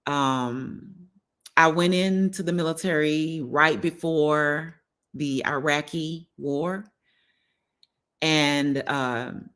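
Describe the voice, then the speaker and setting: Her low-pitched voice has a slight brightness and moves extremely slowly. She's a middle-aged wellness livestream host from New Orleans, casually chatting, speaking directly to viewers and regularly seeking their agreement.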